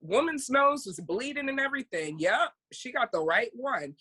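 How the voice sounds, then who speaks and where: A woman's voice: on the high side, expressive, moderate pace, bright, forceful tone, breathy edge, rough recording. A woman co-hosting a podcast in casual chat, telling stories bluntly and candidly and swearing freely. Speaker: podcast co-host.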